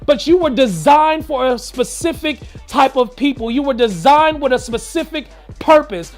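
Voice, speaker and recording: A man's voice: very high voice, animated, moderate pace, soft background music. A man hosting an inspirational video, telling a story and then urging listeners, in an earnest, preacher-like way. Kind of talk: motivational storytelling talk.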